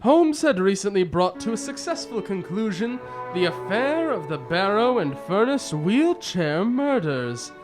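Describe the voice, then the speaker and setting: A man playing a genial older English gentleman doctor who tells his tales in old-time radio drama style, avuncular and hesitant. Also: high-pitched. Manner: avuncular, chuckling, hesitant delivery. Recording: music behind the voice.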